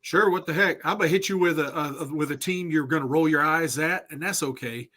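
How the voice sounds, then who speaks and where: A man co-hosting a casual podcast chat, animated and chatty. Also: fairly high pitch, fairly quick, a little hiss or hum. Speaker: podcast co-host.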